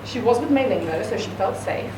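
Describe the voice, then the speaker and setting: A woman with a mid-range voice reads a short story aloud at a live reading event, animated and fairly quick yet steady in her narration. The room echoes and is noisy, with the mic at a distance.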